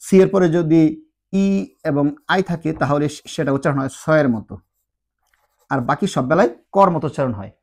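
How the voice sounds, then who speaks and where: A man teaching a tutorial lesson, patiently asking his listeners questions and answering them himself, sounding out syllables slowly one at a time. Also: on the high side, a little mellow. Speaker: language teacher.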